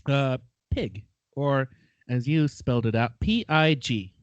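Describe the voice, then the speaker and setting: A man's voice: medium pitch, slow pace, clear, resonant tone, no echo, dull audio. A man co-hosting a movie podcast, trading jokes in casual chat. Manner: joking, wisecracking. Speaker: podcast co-host.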